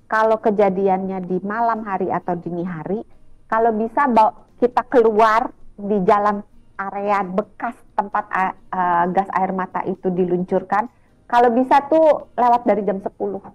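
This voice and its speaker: A woman's voice: mid-range voice, moderate pace, dry recording, dull audio, faint music behind. Woman doctor explaining practical health tips. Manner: explains step by step, practical, with small fillers. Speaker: doctor guest. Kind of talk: radio health interview.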